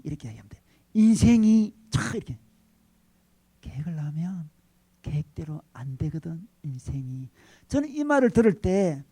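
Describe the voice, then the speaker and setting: A man preaching a sermon as pastor, acting out quoted lines with sudden swings between loud and soft. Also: high-pitched, dry recording.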